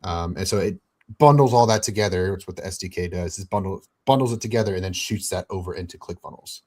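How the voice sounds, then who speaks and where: A man with a fairly low voice explains things in an easygoing, matter-of-fact way. He breaks in to add points as the talk goes on. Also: fast, darkish tone. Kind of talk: casual explanation.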